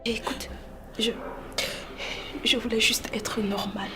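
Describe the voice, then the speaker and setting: A woman's voice: very high voice, lively intonation, a little slow, music in the background. A woman with a Cameroonian French accent playing a distraught young woman, tearful and pleading, in a web-series drama. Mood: sobbing. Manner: tearful, pleading, breaking into sobs.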